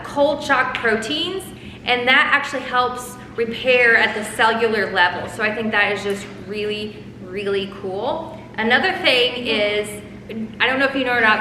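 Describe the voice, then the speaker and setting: A woman's voice: fairly high pitch, pushed and bright. A woman hosting a casual vlog, explaining things enthusiastically to viewers. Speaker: host of a family vlog. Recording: echoey room with faint background noise.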